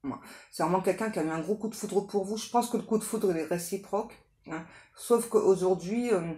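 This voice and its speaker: A woman giving a casual, improvised tarot reading straight to the listener, halting and repetitive, often adding little tag words for agreement. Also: medium pitch, dark tone. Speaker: tarot card reader hosting a guidance channel. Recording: echoey room with faint background noise.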